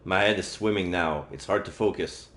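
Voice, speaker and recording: A man livestreams a visual novel, reading its text aloud casually and muttering jokey asides. His voice is low and a bit bright, at a moderate pace. The sound is roomy, with faint game music behind him.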